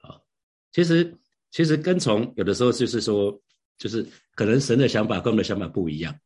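A man's voice: fairly low pitch, animated, fairly quick, darkish tone, husky. A middle-aged man, a preacher giving a devotional Bible sharing in a conversational way, often repeating and restarting phrases and asking rhetorical questions.

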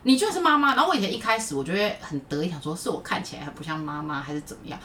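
Fast, lively Taiwanese woman storyteller. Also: distant mic, slight background noise. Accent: Taiwanese Mandarin. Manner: animated, laughing, swooping pitch when retelling stories. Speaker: podcast host. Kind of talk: casual chat, lively storytelling.

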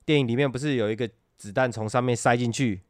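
A man with a Taiwanese accent talks casually and tells stories in an animated way. His voice is clear and smooth at an ordinary male pitch, captured dry with little room sound. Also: fast, no echo. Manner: animated, uses sound effects to illustrate. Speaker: guest telling his military service stories. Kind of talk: casual conversational storytelling.

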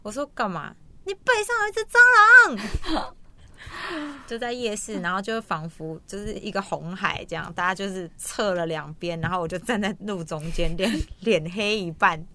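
A young woman, hosting and telling a story in a lively, animated way, acting out the voices of people she quotes. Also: on the low side, normal speed, few pauses. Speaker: host. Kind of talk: casual storytelling chat.

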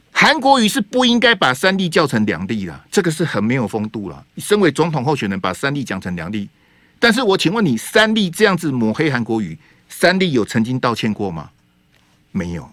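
A man's voice: a little high, a bit bright, no echo. A man with a Taiwanese Mandarin accent hosting a radio talk show, giving fiery, sarcastic political commentary full of rhetorical questions. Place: radio studio.

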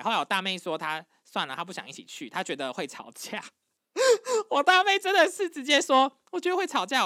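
A young woman casually retelling a family quarrel, animated and exasperated, acting out quoted lines. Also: fairly low pitch, dry recording, studio quality. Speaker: storyteller. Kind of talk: casual storytelling podcast.

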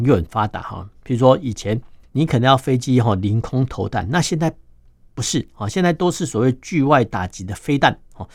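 A man, a defense journalist explaining military matters as an interview guest, filling his phrases with drawn-out "oh" and "ha" sounds. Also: mid-range voice, no room sound, clean studio sound. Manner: peppers phrases with drawn-out "oh" and "ha" particles.

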